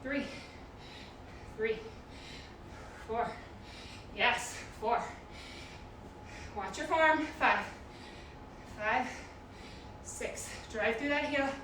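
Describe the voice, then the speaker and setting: Female aerobics instructor, high-pitched and slow-paced, counting reps and giving encouraging form cues; very reverberant room recording. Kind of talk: group workout coaching, counting reps and cueing exercises. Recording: very echoey room, distant mic, noisy.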